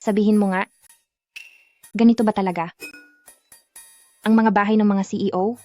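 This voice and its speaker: A woman's voice: medium pitch, steady tone, normal speed, a little mellow, faint music behind, natural voice. Woman playing a breezy, teasing young bride. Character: cheerful unbothered young bride. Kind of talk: Filipino dub of a drama.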